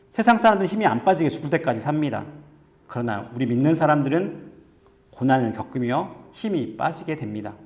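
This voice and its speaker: A man's voice: medium pitch, darkish tone, big-room sound. A male pastor giving a sermon in an earnest, storytelling manner, moving from personal anecdote to scripture. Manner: earnest storytelling, conversational preaching.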